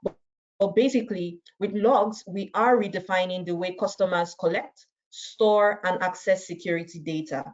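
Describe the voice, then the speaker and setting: A woman's voice: fairly low pitch, moderate pace. A woman presenting a webinar on a video call, chatting through a product demo and often tagging her sentences with "right?". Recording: dull, muffled video call audio.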